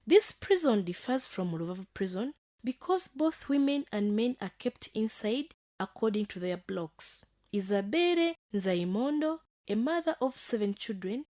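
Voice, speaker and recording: A woman giving scripted documentary narration, reading in a measured, formal way. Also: medium pitch, a little mellow.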